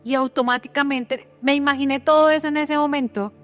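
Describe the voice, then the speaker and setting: A woman's voice: sits high, fairly even intonation, fairly quick, faint music behind. Earnest woman preaching a sermon. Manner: earnest personal testimony with rhetorical questions to the audience.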